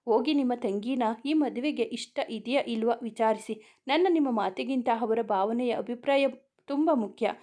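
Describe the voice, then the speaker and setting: A woman voicing a calm, thoughtful young man who gives quiet advice. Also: a little high, moderate pace, natural voice. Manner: calm, advising.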